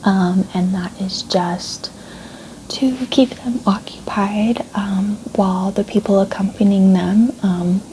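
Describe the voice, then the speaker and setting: Soft whispering woman, librarian role-play. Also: mid-range voice, steady tone, slow pace, slight background noise, poor audio. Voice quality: soft-spoken, breathy near-whisper. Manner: polite, reassuring, gentle customer-service phrasing. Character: gentle, helpful female librarian. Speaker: ASMR creator playing a librarian.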